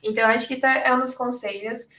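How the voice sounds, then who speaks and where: A woman's voice: a little high, fairly even intonation, racing, pushed and bright. A young woman from Brazil giving career advice on a panel, chatty and full of "sabe?" and "tipo".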